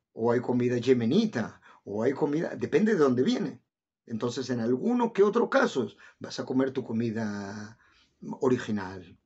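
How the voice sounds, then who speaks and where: A middle-aged vlogger explains country life to his viewers in a casual way, putting questions to them directly. His mid-range voice is a little mellow with a breathy edge, and the recording is dull and lo-fi.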